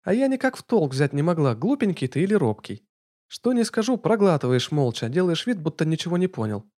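A man putting on a sharp-tongued mocking young woman. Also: a little high, very animated, fairly quick, voice pushed up.

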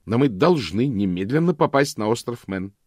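Brief: male narrator doing an eager young fiancée, raised pitch, impatient, audiobook. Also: animated, moderate pace, a little mellow, no room sound, studio quality, close to an everyday voice. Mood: excited. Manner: eager, breathless pleading.

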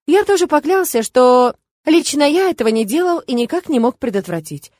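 A woman's voice: sits high, lively intonation, a little fast, darkish tone, no echo, studio quality, voice pushed up. Woman reading a teasing young emperor. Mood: assured, teasing. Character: confident teasing male emperor, young adult.

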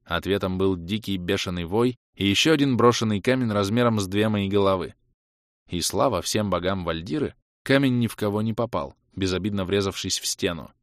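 A man narrating a fantasy adventure audiobook in the first person, lively and acting out the dialogue. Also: fairly low pitch, dry recording, studio quality. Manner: lively, acts out shouts and dialogue.

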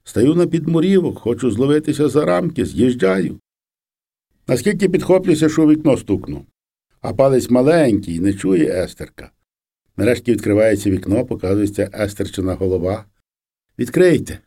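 A man narrating a story in the first person, with expressive, vivid storytelling. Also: mid-range voice, normal speed. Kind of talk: scripted narration.

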